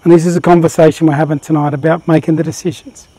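A man's voice: fairly high pitch, level tone, fast talker, warm tone, breathy edge, dry recording. A man giving a live motivational presentation to an audience, talking with passion and energy. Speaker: workshop presenter.

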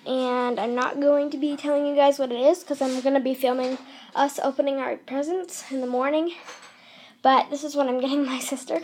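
Bubbly high-voiced young woman vlogging. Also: steady tone, brisk, darkish tone, slight background noise, low-quality recording. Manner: chatty, giggly, addresses viewers directly. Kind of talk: casual home vlog. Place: family home at Christmas. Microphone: handheld camera.

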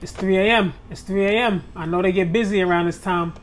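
Speaking briskly in a high, steady voice, a young gaming creator narrates his first horror game playthrough live. He keeps it loose, cracking jokes, swearing, using slang and trash-talking directly to his audience.

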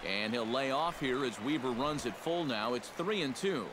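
A man voicing a video game's baseball play-by-play announcer with a measured, smooth broadcast delivery. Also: medium pitch, lively intonation, a bit bright, slight background noise, close to an everyday voice. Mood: calm. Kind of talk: in-game broadcast commentary.

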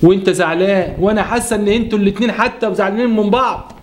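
A man's voice: high voice, steady tone, very fast, lightly acted. Man doing a meek, pleading Egyptian old mother. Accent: Egyptian Arabic. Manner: pleading, self-effacing.

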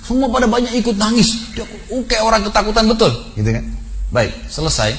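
A man's voice: high-pitched, big pitch swings, brisk, a bit bright. A male Islamic preacher telling a story in a sermon, acting out the dialogue dramatically and lifting his voice at emotional moments.

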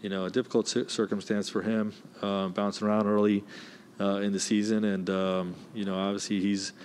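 Man, 40s, head coach at a postgame presser; low voice, measured and filler-heavy, faint background noise. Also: little pitch movement, a little mellow. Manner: measured, many "you know" fillers. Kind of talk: postgame press conference answers. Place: indoor press room. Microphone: desk mic, close.

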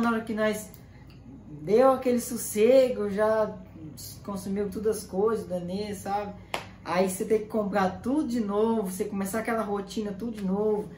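A young Brazilian man casually explaining his point of view in a relaxed way, with many fillers. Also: sits high. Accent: Brazilian Portuguese. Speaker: vlogger. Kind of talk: casual chat. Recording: roomy home video with faint noise.

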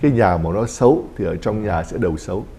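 Priest, man, rapid explanatory talk, dark mellow tone. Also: fairly low pitch, expressive. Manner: explanatory, acts out little quoted dialogues. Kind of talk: pastoral talk show discussion.

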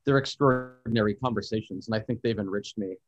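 A man's voice: fairly low pitch, quick pace, no room sound, muffled recording. A man, a podcast guest, telling reflective stories about travel, teaching and photography in an expansive, thoughtful way. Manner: thoughtful, expansive, speaks of cultural experiences warmly. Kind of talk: reflective storytelling in conversation.

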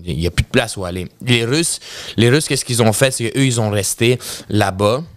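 This guest is a professional hockey player in his thirties with a Quebec French accent, speaking at normal speed in a mid-range voice on a casual storytelling podcast. He tells his story animatedly, restarting often and mixing in English words. A boom-arm studio mic captures him in a bookshelf-filled room with no echo.

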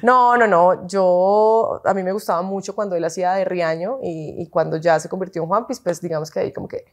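A woman in her thirties with a Colombian accent, a guest in an interview who talks frankly and chattily, often agreeing with quick repeated words. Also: lowish voice. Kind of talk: casual interview chat.

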